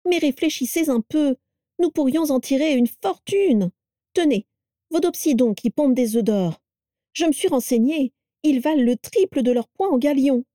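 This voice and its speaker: A woman voicing a shrill, complaining young wife who is high-strung and theatrical. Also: animated, normal speed, warm tone, no room sound, clean studio sound. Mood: whining.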